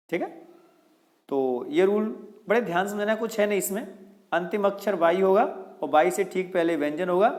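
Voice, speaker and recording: A male teacher giving a step-by-step grammar lesson, often asking a question and answering it himself. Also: high voice.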